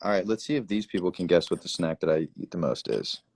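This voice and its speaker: A man's voice: deep voice, animated, quick pace, a little mellow. A young man hosting a casual livestream from home on his phone, joking loosely and playfully. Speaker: livestream host. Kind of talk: casual chat.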